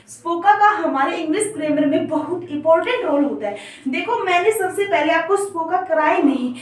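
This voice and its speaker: A woman teaching an online English grammar lesson, explaining step by step and checking in with her students often. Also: very high voice. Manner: explanatory, repeats "theek hai" to check understanding. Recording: very echoey room, voice from a distance.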